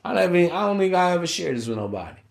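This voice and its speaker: A man in his thirties hosts a podcast as a casual monologue. He lectures bluntly and swears freely. His voice sits high for a man. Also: very animated, quick pace, gravelly. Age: 30s. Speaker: podcast host.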